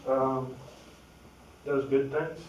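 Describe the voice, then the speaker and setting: Speaking extremely slowly in a steady, medium-pitched voice, a man offers an informal remembrance of a family friend at a memorial, hesitating, using many fillers and occasionally chuckling. There's no microphone; he's far away in an echoey room, and the lo-fi audio has a little hiss or hum.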